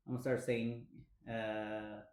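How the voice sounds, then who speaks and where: A man's voice: fairly low pitch, level tone, slow pace, darkish tone. A man with a Chicano East LA accent chatting casually on a livestream, mixing Mexican Spanish slang into his English. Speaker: co-host of a cooking livestream. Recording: echoey room.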